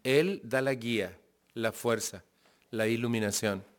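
A man's voice: mid-range voice, a little slow. A man with a Mexican accent giving a conversational personal testimony to a recovery group, laughing often and checking in with his listeners. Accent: Mexican Spanish.

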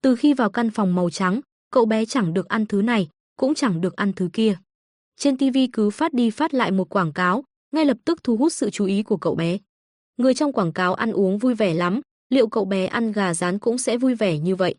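A woman narrating an audio novel in a steady, even storytelling manner. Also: mid-range voice, brisk, dry recording, clean studio sound.

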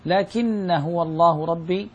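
A man reading a classical religious commentary aloud in a class, moving quickly through the text and slowing down to quote verses. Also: on the high side, husky, muffled recording.

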